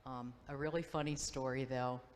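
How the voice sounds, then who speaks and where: Low-voiced woman in a reverberant hall. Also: fairly even intonation, a little hiss or hum. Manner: halting, reminiscing, acts out quoted voices. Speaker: memorial speaker, old friend. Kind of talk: memorial tribute, storytelling. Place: school auditorium. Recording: long hall reverb, faint ambience.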